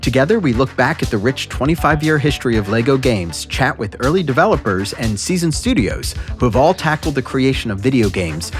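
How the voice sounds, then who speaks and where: A man's voice: mid-range voice, lively intonation, a little fast, hardly any pauses, faint music behind. A man co-hosting a podcast, playing up his lines with jokey, theatrical timing. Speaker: podcast co-host. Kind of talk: scripted podcast banter.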